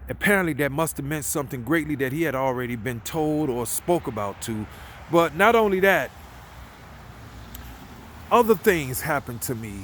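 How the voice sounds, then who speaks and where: A man's voice: a little high, lively intonation, normal speed, a little hiss or hum. A man talking casually while walking outdoors at night, telling a rambling, conversational story and repeating himself. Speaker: vlogger.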